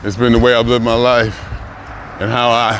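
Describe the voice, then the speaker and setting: Man in his sixties, mid-pitched, thinking aloud, pauses and restarts, outdoors, traffic noise. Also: flat delivery, fairly bright tone. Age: 60s. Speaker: vlogger. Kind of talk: reflective personal vlog. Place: outdoors on a city street, walking. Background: passing cars and street noise.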